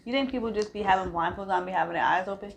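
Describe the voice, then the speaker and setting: A woman's voice: medium pitch, very fast, creaky, a little hiss or hum. A young woman co-hosting a casual food-tasting video, chatty and playfully teasing. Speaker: co-host. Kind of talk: casual chat.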